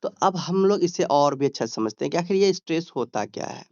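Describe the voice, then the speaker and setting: A man with a Hindi accent teaching an exam-prep lesson, explaining step by step, drawing out English words slowly and checking in with students. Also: a little high, animated, a little mellow, no room sound, muffled recording. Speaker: exam tutor.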